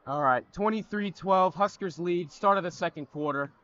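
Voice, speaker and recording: Excitable student male play-by-play voice, sharp and a bit high; lo-fi webcast. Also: normal speed. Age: teens. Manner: excitable, breaks into loud cheering. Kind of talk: high school basketball play-by-play. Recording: dull lo-fi webcast audio with faint gym noise.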